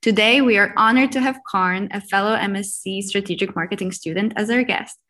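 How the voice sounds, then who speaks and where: A woman's voice: mid-range voice, a little fast, bright, forceful tone. Polite young woman hosting a podcast. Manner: polite, hesitant with many ums in questions. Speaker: podcast host. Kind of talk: scripted podcast intro and interview questions.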